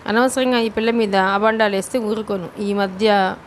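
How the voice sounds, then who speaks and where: A woman's voice: mid-range voice, steady tone, normal speed, a little hiss or hum, lightly acted. A woman reading the part of a stern middle-aged mother who scolds her son. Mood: scolding. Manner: scolding, firm.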